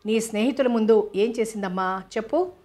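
A woman voicing a kind, gentle orphanage warden, soothing and patient. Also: a little high, brisk, close to an everyday voice.

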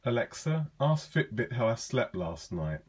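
A man casually demonstrating a voice assistant, talking in a relaxed, chatty way with lots of ums and uhs. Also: medium pitch, a little slow, husky. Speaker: tech vlogger demonstrating a device. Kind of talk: casual spoken demo.

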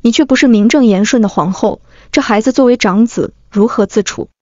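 A woman voicing a gentle middle-aged mother who talks softly and tenderly, in an audiobook. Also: fairly high pitch, a little fast, no echo, close to an everyday voice. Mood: tender sorrow. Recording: dry, dull lo-fi.

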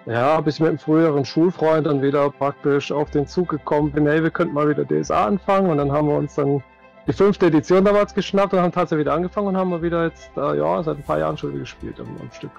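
Talking at a quick pace in a fairly high, steady voice with vocal fry, a middle-aged tabletop game master is interviewed over a video call from a room at home. He chats casually and reflectively, often hedging as he thinks. Faint music plays behind the lo-fi headset audio.

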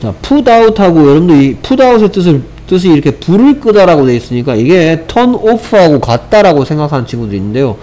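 A man's voice: on the high side, very animated, moderate pace, hardly any pauses, warm tone. Korean man teaching English vocabulary. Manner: explains step by step, repeats phrases, mixes English examples into Korean. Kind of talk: online English vocabulary lesson.

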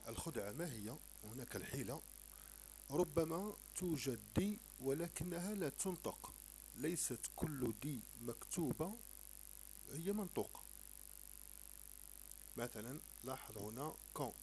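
A man's voice: medium pitch, expressive, a little mellow, faint music behind, rough recording. Patient man teaching French sounds. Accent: Algerian. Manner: patient, repeats words slowly and sounds out letters. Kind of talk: explaining a French textbook lesson in Arabic.

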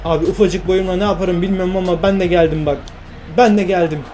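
Excitable man playing a football game. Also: high-pitched, fast, over music. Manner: exclaiming and repeating phrases. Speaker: gaming YouTuber.

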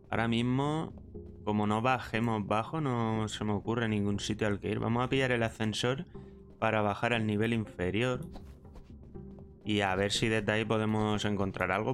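Spanish gamer man, loose and exclamatory. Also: lowish voice. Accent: Spain. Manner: exclamatory, swears and laughs often. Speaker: gaming streamer. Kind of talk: let's play commentary.

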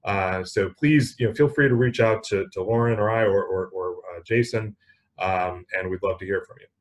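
A man giving town hall remarks in a halting way, often repeating words and restarting sentences. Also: fairly low pitch. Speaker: executive director.

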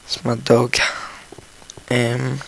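A man with a croaky morning voice, casually commentating his own game, rambling and chatty with frequent ums and self-corrections. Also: mid-range voice, monotone, extremely slow, rough recording. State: just woken up, morning voice. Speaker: let's play host.

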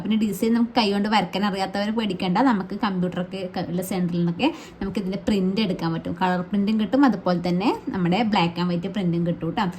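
Fast-talking woman teaching fabric painting. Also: medium pitch, a little mellow, slight background noise. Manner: chatty, reassuring, adds tag words to sentences. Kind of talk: casual how-to tutorial.

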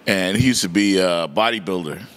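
A middle-aged man, a sports reporter, talking in a casual interview with an easygoing, chuckling manner and drawn-out fillers, into a handheld mic. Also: low voice, fairly bright tone. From Miami, family from the Bahamas. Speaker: sports reporter and podcast host. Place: bright indoor room by large windows.

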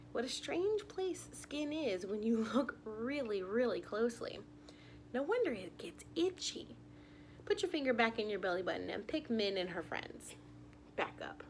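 A young adult woman reads aloud from a picture book for little ones, talking straight to them in an expressive way, recorded in a living room. Her voice is fairly high with animated swings, and she stays unhurried. A little hiss or hum runs underneath.

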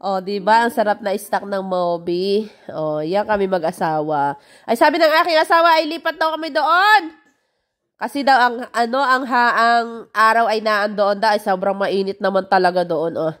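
A woman's voice: medium pitch, animated, moderate pace, fairly bright tone. A middle-aged woman from the Philippines, chatting through a casual vlog voice-over of a family picnic, full of exclamations. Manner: chatty, exclamatory, lots of "ay" and "o, tingnan nyo". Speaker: vlogger narrating family picnic video.

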